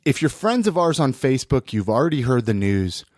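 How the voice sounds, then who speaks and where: An American podcast host chats casually and does sponsor reads, sounding slightly congested from a head cold. His medium-pitched, slightly mellow voice swings widely in pitch and moves briskly. The studio sound is clean, with no room sound.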